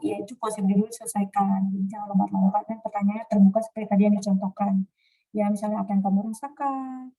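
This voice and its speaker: A woman gives an informal lecture, talking through her slides at an easy pace. She pauses often with fillers and slips into short acted example questions as she goes. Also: medium pitch, warm tone.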